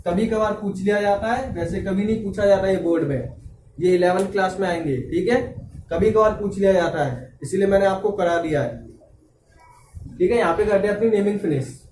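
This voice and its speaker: A man with a high, mellow voice teaches a class lecture and keeps checking that the students follow him. He sits a little back from the microphone in an echoey room, with a faint hiss underneath. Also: fairly quick, distant mic. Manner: checks understanding with frequent "clear?" and "okay". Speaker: chemistry teacher.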